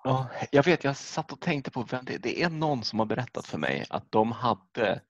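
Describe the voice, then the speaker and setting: A man's voice: medium pitch, expressive, no room sound, lo-fi sound. A Swedish man co-hosting a casual chat, joking and rambling with casual swearing. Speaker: podcast co-host.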